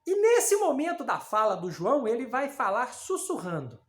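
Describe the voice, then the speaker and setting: A woman with a Brazilian accent teaches a literature class in a lively, rising-and-falling voice. She talks casually and keeps checking in with her students. The room around her is noticeably echoey. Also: on the high side, moderate pace. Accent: Brazilian Portuguese. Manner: lively and conversational, many fillers and check-ins with students. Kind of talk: recorded online class lecture.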